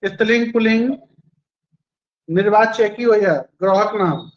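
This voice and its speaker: A man's voice: high-pitched, moderate pace, lo-fi sound. A male teacher running a live online quiz class, repeating each question and its options and praising students by name.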